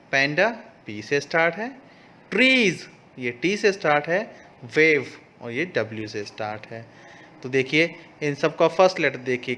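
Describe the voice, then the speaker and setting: A man's voice: fairly high pitch, fairly bright tone. A man teaching a young class in a lesson video, explaining patiently and reading English lines aloud. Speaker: school teacher.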